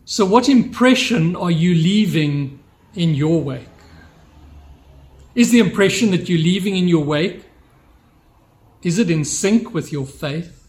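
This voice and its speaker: A man preaching a sermon, slow and measured, building on repeated rhetorical questions. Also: high voice, lively intonation, darkish tone.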